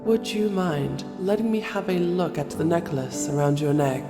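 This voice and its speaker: Regal, wistful Snow Queen for audio drama, female actor: measured and low, music under a reverberant recording. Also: lightly acted. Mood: gracious. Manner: slow, imperious, measured. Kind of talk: audio play acting.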